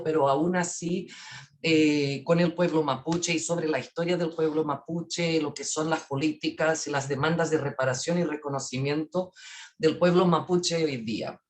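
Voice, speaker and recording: A woman from Portugal, a native Portuguese speaker, gives an academic presentation as a guest researcher over a video call, speaking thoughtfully and often checking in with "¿ya?". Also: fairly low pitch.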